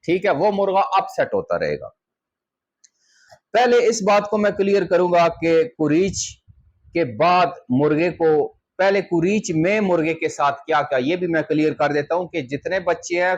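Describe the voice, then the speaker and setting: A man's voice: a little high, highs cut off. A man from Pakistan, hosting a poultry channel and talking casually to camera, explaining step by step and checking in with his listeners often. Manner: conversational, explaining step by step with frequent check-ins.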